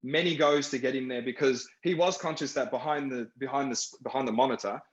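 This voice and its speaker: A man's voice: medium pitch, fast talker. A man, a film director, talking through his work on a panel, reflective and given to repeating phrases. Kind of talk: panel discussion over video call. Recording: roomy, muffled sound.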